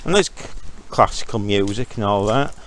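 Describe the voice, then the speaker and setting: A man's voice: fairly low pitch, lively intonation, normal speed, a bit bright, slight background noise. A Zambian-born man in his forties giving a rambling, sarcastic, opinionated monologue while walking outdoors past a stream. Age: 40s. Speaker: vlogger.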